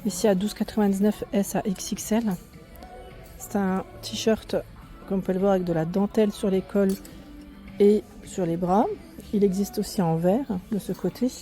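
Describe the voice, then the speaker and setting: A woman's voice: mid-range voice, fairly even intonation, normal speed. A woman vlogger chatting her way through a clothing store, correcting herself often and speaking up over the store's music. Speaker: fashion vlogger. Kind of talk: casual in-store clothing walkthrough. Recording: faint store music behind. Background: loud in-store music.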